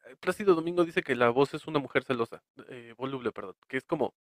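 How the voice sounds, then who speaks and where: A Mexican-accented man co-hosts a podcast, chatting casually, laughing a lot and trailing off mid-thought. His medium-pitched voice moves fast, and the recording is dry and studio quality.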